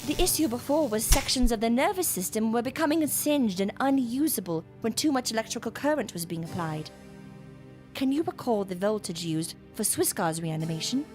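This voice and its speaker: An actress voices an earnest, exacting woman scientist in a gothic audio drama, speaking formally and precisely with a lecturing diction. Her voice sits on the high side and is animated and close to everyday, at normal speed over music. She sounds intent, as if explaining something.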